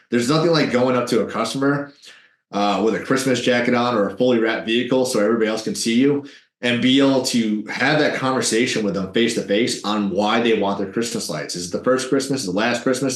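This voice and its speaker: Lively business owner, roomy echo. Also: male voice, mid-range voice. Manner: animated, salesy, quick asides. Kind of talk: business interview.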